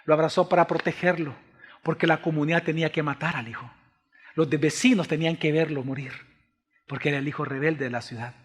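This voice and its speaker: A Salvadoran man preaching a passionate sermon as pastor, swinging between loud exclaims and hushed pleas. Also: fairly high pitch, fairly even intonation, quick pace, husky. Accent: Salvadoran Spanish. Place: church sanctuary. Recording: long church reverb.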